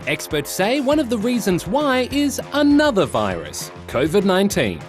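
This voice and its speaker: An Australian man narrates kids' news in a high, hugely varied voice. He explains things playfully over a light music bed. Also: huge pitch swings, moderate pace. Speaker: news presenter for children. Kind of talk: scripted educational news narration.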